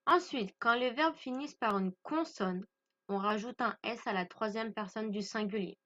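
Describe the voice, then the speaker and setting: A woman's voice: a little high, normal speed, a bit bright, muffled recording. A woman from France teaching English grammar to French speakers, patiently stressing pronunciation and repeating each point.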